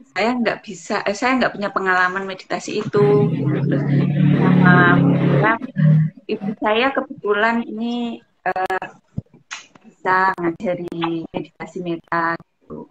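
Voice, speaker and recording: A woman from Central Java talks at a slow, unhurried pace, telling her own experience as a guest on an online chat show. Her voice comes through a video call, and the audio glitches, stutters and drops out in places. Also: medium pitch, fairly bright tone, highs cut off, slight background noise. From Central Java, Indonesia. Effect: glitching, dropping-out call audio. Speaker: teacher.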